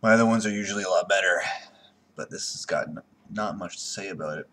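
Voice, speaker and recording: In a small room at home, a man with a deep voice talks fast into his desk webcam, reviewing a beer. His tone is blunt and sarcastic, with jumpy shifts in volume.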